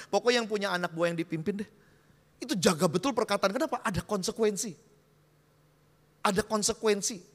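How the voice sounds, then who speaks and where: A man preaching a sermon in a lively way, full of wordplay and acted-out examples, recorded in an echoey church hall. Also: high-pitched.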